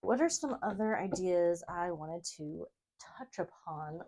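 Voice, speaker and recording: A woman with a lowish, warm voice hosts a crafting video, speaking expressively and without hurry. She chats and rambles casually as she sews, brainstorming ideas with giggly self-deprecation.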